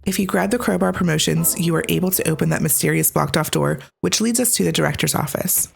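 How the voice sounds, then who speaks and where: A woman's voice: low voice, fast, gravelly, breathy edge. A woman hosting a scripted game review, with a conversational, opinionated delivery. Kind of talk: scripted video review narration.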